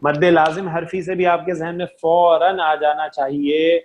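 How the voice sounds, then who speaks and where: A man's voice: a little high, flat delivery, unhurried, a little hiss or hum. A man teaching an online class, patient, repeating key terms and checking often that his students understand.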